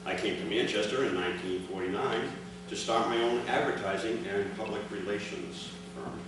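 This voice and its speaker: A lowish male voice at a moderate pace reads a formal prepared speech at a ceremony, presenting his father's account to a gathering in a large indoor room. The mic is far away, so the recording is very echoey and noisy.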